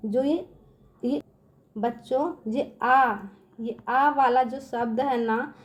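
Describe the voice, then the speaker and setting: Patient woman teacher, high voice. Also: fairly even intonation. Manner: repeats "theek hai" constantly, patient and drawn-out; addresses viewers as children. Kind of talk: spelling lesson for children.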